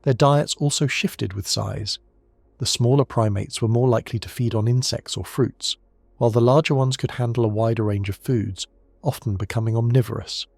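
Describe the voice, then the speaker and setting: A man delivering scripted nature documentary narration in a measured, descriptive storytelling manner. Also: mid-range voice, creaky, a little mellow, no room sound.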